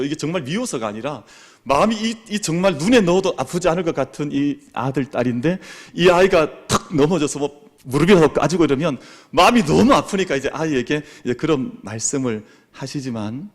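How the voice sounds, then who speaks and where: Male pastor, lively pitch, animated sermon delivery in a church. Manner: animated, acts out parents' and children's words. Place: church sanctuary.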